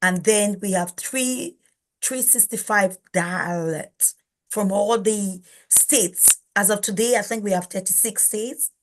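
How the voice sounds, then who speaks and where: A woman's voice: medium pitch, slow pace. Chatty Nigerian woman hosting a live stream. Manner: chatty and informal, with frequent restarts. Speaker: host.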